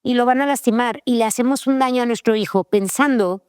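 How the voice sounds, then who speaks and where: A woman's voice: on the high side, a little fast, darkish tone, no echo, clean studio sound. A woman co-hosting a faith-based parenting podcast, chatting casually and telling family stories. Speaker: podcast co-host.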